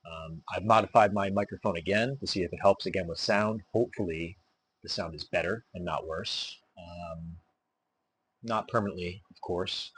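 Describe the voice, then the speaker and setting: A man narrating his bonsai vlog, talking slowly and deliberately with many fillers as he works on his trees. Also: sits low, a bit bright, breathy edge. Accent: regional accent. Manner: deliberate, slow, filler-heavy explaining while pruning. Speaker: bonsai hobbyist vlogger. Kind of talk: casual hobby vlog narration.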